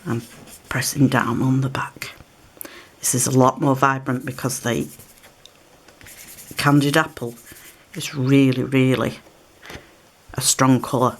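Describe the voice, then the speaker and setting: A woman's extremely low, breathy-edged voice takes things slowly, pausing often, as she leads a step-by-step craft tutorial at her table. She's relaxed and chatty, explaining while working, though a slight cold makes her cough occasionally. Her hands appear under an overhead camera.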